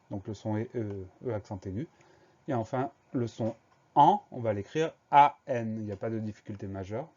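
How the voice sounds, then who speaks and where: Male teacher, mellow tone, muffled lo-fi sound, patient letter-by-letter dictation. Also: medium pitch. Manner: slow, patient letter-by-letter spelling. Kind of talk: spelling dictation lesson. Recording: muffled, lo-fi recording.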